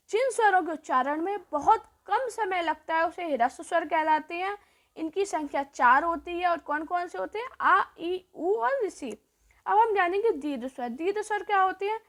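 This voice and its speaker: A woman teacher giving a grammar lesson who asks questions and answers them herself, repeats each point and draws out the sounds slowly. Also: very high voice, a bit bright.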